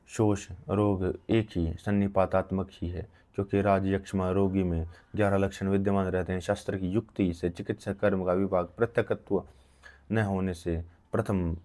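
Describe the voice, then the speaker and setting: A man reading an old medical text aloud in a slow recitation, with frequent halts and restarts. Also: low voice, mellow. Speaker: reader of an ancient medical text.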